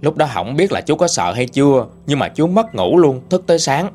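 A man's voice: fairly high pitch, normal speed, soft background music. A man with a Southern Vietnamese accent narrating a ghost story in a chatty, folksy way. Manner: lively, chatty folksy telling.

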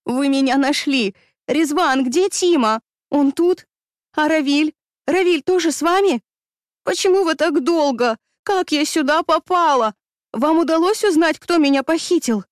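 A woman's voice: high-pitched, animated, slow pace, dry recording, studio quality. A woman voicing a frightened seventeen-year-old girl held captive, crying out in frantic, pleading bursts. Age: teens.

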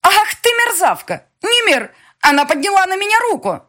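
A woman's voice: very high-pitched, sing-song, normal speed, sharp tone, voice pushed up, full character voice. A woman voicing a hysterical, scheming young mistress who screeches and whines. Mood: shrieking. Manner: screeching, whiny.

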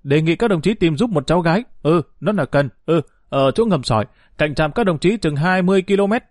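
A man narrating a story voices a middle-aged male official, hurried and fussy, barking into a field phone. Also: a little high, animated, no echo, clean studio sound, close to an everyday voice. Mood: urgent.

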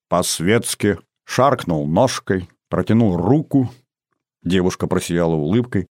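A man narrating an audiobook in a measured storytelling manner, livening up the dialogue. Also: deep voice, a little mellow, no echo, studio quality. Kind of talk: scripted narration.

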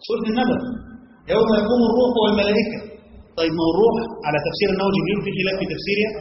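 A man with an Egyptian Arabic accent teaching a classroom lecture on Quran commentary, quizzing listeners with quick questions and reciting verses slowly. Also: high-pitched, a little hiss or hum. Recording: echoey hall, dull lo-fi sound.

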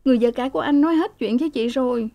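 A tearful, ashamed young wife pleads in a raised, high voice, as a woman reader voices her. The tone is dark and mellow, and the delivery stays anxious and quick to break. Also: gravelly.

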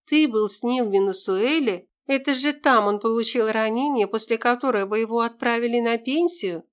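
A woman reading an audiobook, voicing a sharp-tongued woman soldier who teases sarcastically. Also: on the high side, normal speed, voice pushed up, lightly acted. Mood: questioning. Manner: sarcastic, teasing.

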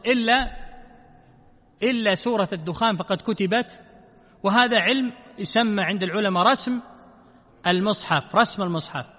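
A man teaching a Quran commentary lesson. He addresses his listeners as brothers, poses rhetorical questions and answers them, and slows down when quoting verses. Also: sits high. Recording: tinny lo-fi audio with long hall reverb.

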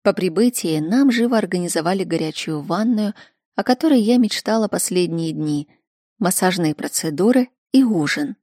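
A woman narrating a first-person story in an even, measured reading. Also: lowish voice, no room sound, clean studio sound. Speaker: audiobook narrator.

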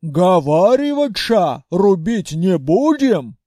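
Casting: a man playing a dim, eager orc warrior, slow and blunt, dry close sound. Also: high-pitched, sing-song, warm tone, no echo, full character voice. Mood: disappointed. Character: simple-minded orc general, gruff and battle-eager.

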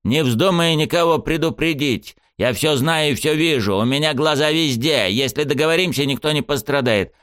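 A man voicing a cruel, treacherous male henchman who gurgles and rasps his threats in an audiobook. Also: fairly high pitch, normal speed, few pauses, fairly bright tone, no room sound, clean studio sound, voice pushed up, close to an everyday voice. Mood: frantic. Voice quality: gurgling, rasping. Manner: threatening, mocking. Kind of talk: audiobook character voice.

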